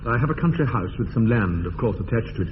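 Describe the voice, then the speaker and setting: An actor playing an earnest, slightly nervous English gentleman in a radio comedy, with an upper-class accent and a polite, hesitant manner. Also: mid-range voice, lively intonation, quick pace, natural voice. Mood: polite, composed. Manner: courteous, hesitant, apologetic. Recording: dull lo-fi radio recording, faint noise.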